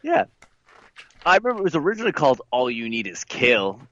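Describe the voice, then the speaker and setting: A man's voice: medium pitch, huge pitch swings, quick pace, a bit bright, dry recording. A man chatting casually over an internet call line that cuts out now and then, with a loose, filler-heavy way of talking. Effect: heard over an internet call line that cuts out. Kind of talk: casual chat. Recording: dull, dry call-line audio.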